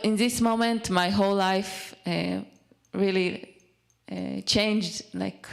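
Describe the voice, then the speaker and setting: A young woman from Israel gives a personal testimony in English, her second language after Hebrew. She speaks haltingly, pausing often with fillers and restarting words as she searches for them, in a voice of ordinary middle pitch. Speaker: speaker at a community event.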